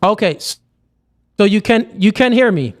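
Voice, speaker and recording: A man's voice: high-pitched, lively intonation, moderate pace. A man hosting a livestream, talking casually and calling people man. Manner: laid-back, calls people man. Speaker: stream host. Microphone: online call mic.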